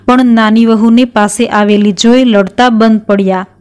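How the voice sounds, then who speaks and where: A middle-aged woman narrating a devotional folk tale in a steady, plain storytelling manner. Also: a little high, measured pace, clear, resonant tone. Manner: steady, plain storytelling with quoted dialogue read in the same voice.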